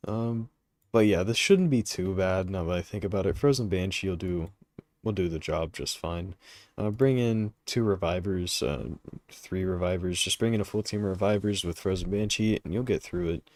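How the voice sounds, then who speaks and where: Low-pitched and darkish, at a normal pace and free of room sound, a young man narrates his gaming stream casually. He's drowsy and yawning, thinks out loud with plenty of ums and uhs, works out routes, and responds to questions he reads from chat.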